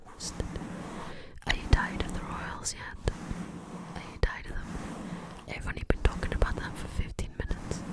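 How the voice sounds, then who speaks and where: Whispering softly and breathily, this ASMR creator shares an opinionated ramble, purposely repeating certain words and phrases.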